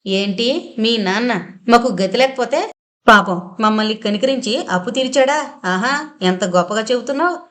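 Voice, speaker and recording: Lady doing a hot-tempered young sister, sharp tongue, sarcastic, audio novel voice. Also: fairly high pitch, normal speed, lightly acted. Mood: angry. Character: fiery young woman Vijaya, quick-tempered elder sister.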